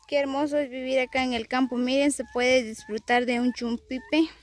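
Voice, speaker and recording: A woman's voice: high-pitched, fairly even intonation, moderate pace. A woman with a Guatemalan Spanish accent chatting casually as she vlogs and asks questions outdoors on a handheld phone. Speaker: vlogger. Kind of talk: casual vlog chat and informal interviewing. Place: outdoors in a rural hillside yard. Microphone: handheld phone behind the camera. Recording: noisy outdoor phone recording.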